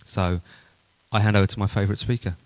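Male church leader, lowish and even-toned, informal welcome, slightly muffled sound. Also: fast talker. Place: church meeting.

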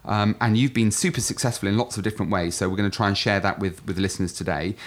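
A man's voice: fairly low pitch, steady tone, fast talker. A man hosting a podcast, reading an upbeat intro and then putting questions to his guest. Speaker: podcast host.

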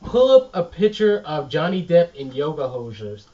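A man co-hosting a casual podcast chat, animated and laughing often, swearing freely. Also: fairly high pitch, normal speed. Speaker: podcast co-host. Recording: distant lo-fi mic.

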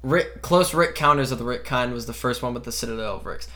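A man's voice: mid-range voice, fairly quick, pushed and bright. A man hosting a casual podcast chat from a bedroom, talking eagerly and rambling, sitting far from the microphones. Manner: eager, rambling fan talk. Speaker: podcast host. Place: bedroom with dogs.

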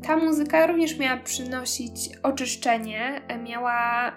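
A woman's voice: sits high, unhurried. A woman giving a spoken lecture on music history, explaining steadily with small hesitant fillers. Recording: music playing clearly behind.

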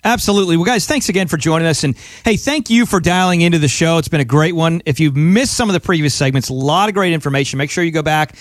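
A man's voice: fairly high pitch, quick pace, few pauses, no echo, clean studio sound. A man hosting a radio interview show, talking conversationally in an earnest, motivational way with rhetorical check-ins.

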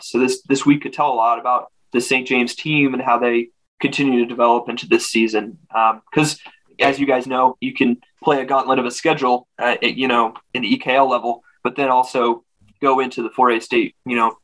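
Halting man talking casual football analysis. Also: medium pitch, fairly bright tone, poor audio. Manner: halting, repeats words, leans on "you know". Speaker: sports reporter guest on a radio football show.

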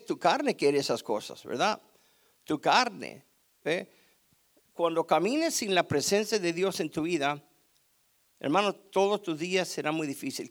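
A man preaching a sermon, calling the listeners brother and asking them if they understand, with sudden loud peaks and soft asides. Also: fairly high pitch. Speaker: pastor.

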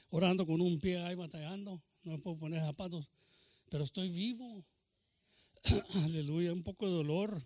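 An older man preaching a bilingual sermon, mixing Spanish and English, with frequent amens and hallelujahs and sudden drops into a soft, low voice. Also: no room sound. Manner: preaches with exclamations of amen and hallelujah; switches between Spanish and English.

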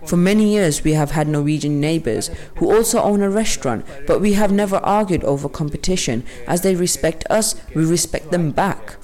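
A man's voice: fairly high pitch, a little fast, hardly any pauses, darkish tone. A man delivers scripted narration in the first person, as in a documentary.

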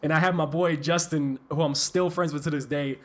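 A young man chatting casually about his start in rap, loose and quick to laugh. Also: on the high side, fairly even intonation. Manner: laughs often, loose storytelling with fillers. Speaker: guest rapper. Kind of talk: casual chat.

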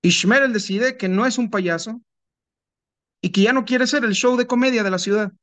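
A man, a rabbi, telling a parable in a dramatic, deliberate sermon style. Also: sits high, fairly bright tone, no room sound. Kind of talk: sermon storytelling.

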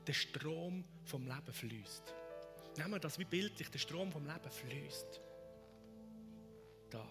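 Male pastor, slow and deliberate, rising to fervent appeals, sinking to whispers. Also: on the high side. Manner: alternates fervent raised appeals with hushed whispered prayers. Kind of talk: sermon.

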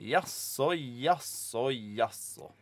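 Cold suspicious neighbor played by a man, deep and quiet, slow flat drawl, dry sound, live radio comedy. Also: dry recording, natural voice. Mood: menacing.

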